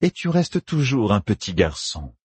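A sadistic sorceress taunts her captive in a raspy, raised voice, as a male narrator puts her on. The audiobook read is dry and close, and her sneering delivery swings widely in pitch. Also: very animated, measured pace, a little mellow, dry recording, heavily acted. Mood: mocking. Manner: taunting, mocking and cold. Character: cruel sadistic female sorceress villain.

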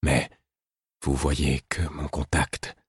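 A man voicing a weary, grave aging king who speaks low and tired. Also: completely flat delivery, takes it slowly, husky, full character voice.

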